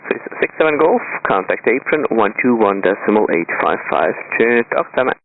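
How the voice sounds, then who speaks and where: A man's voice: lowish voice, sing-song, brisk, creaky. A man working as an air traffic controller over radio, giving clipped, courteous standard instructions. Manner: procedural, courteous, with short greetings. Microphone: radio transmission. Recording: tinny narrow-band aviation radio.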